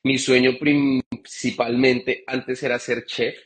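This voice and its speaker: Man, Bogotá Colombian accent, husky voice, chatty with many restarts, mid-pitched, video call. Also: flat delivery, takes it slowly, fairly bright tone. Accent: Bogotá Colombian Spanish. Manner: chatty, frequent fillers and restarts. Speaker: guest bartender. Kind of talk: live interview storytelling.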